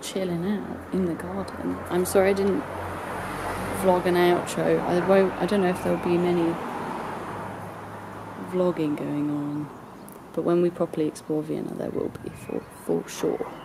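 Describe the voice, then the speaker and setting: A young woman chatting casually to a handheld camera for a vlog, low-key and hungover. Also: flat delivery, normal speed, pauses often, noisy background. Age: young adult. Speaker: vlogger. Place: outdoors in a garden and inside a house. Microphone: handheld camera at arm's length.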